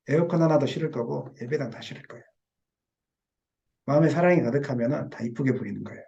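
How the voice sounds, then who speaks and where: A man's voice: medium pitch, warm tone, lo-fi sound. A male pastor preaching a sermon in a church sanctuary and speaking directly and emphatically to his congregation.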